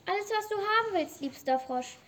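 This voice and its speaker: A woman's voice: very high voice, animated, moderate pace, a bit bright. A woman playing a spoiled, haughty young princess in a fairy-tale radio play. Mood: wheedling. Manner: haughty and petulant.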